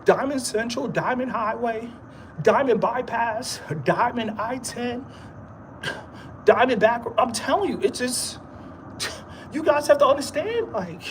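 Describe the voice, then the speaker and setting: In a noisy setting, a very high-pitched male vlogger rambles through a motivational monologue. He uses streetwise slang, repeats himself often with emphasis, and laughs into his words.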